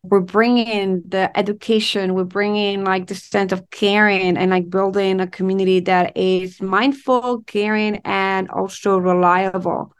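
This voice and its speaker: A woman from Ecuador talks as an interview guest, her voice in the middle range for a woman. She speaks expressively, lining up words in slow, flowing strings. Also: mid-range voice, level tone, smooth. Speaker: intimacy coach and guest. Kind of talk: conversational interview.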